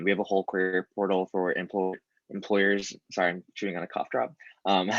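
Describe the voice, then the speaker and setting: A young man speaks in a very low voice, reading out audience questions and answering them in a relaxed, orderly way. The sound is dry and a little dull, as over a video call. He keeps things moving as the panel's moderator. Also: no room sound. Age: young adult. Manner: organized, reads out audience questions. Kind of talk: casual panel talk.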